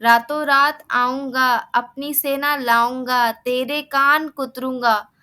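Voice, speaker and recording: A woman's voice: high voice, animated, moderate pace, sharp tone. A woman voicing a cheeky, boastful male mouse in a children's storybook tale, demanding and threatening in a chanting way.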